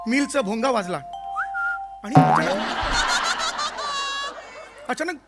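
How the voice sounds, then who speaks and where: An actor playing a melodramatic, sentimental elderly father in a stage comedy sketch, telling his story theatrically and loudly. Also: very high voice, lively intonation, slow, over loud music, full character voice. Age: older.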